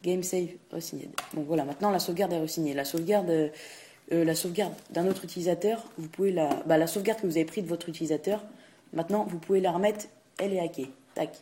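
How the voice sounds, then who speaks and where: Man, casual tutorial talk, hesitant with fillers, mellow dark voice. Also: on the high side, fast, slight background noise. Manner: hesitant, many fillers and restarts; says "tac" at each click. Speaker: video game tutorial host. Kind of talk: casual screen-recording tutorial.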